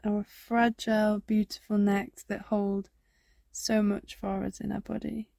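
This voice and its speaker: Slow, soft-spoken meditation guide woman. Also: mid-range voice, monotone, vocal fry, no echo, studio quality. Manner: slow, soft, soothing, drifting into whispers. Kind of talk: guided body scan meditation.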